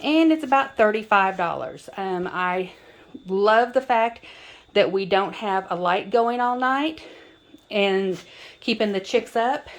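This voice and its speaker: Woman casually explaining, medium pitch. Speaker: homesteading channel host.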